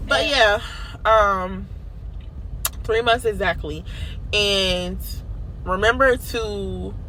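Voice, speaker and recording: A woman's voice: mid-range voice, takes it slowly, bright, forceful tone, slight background noise, low-quality recording. An American woman vlogger speaking with braces, giving earnest, emphatic, casual faith encouragement and repeating phrases for emphasis. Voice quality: speech slightly impeded by dental braces.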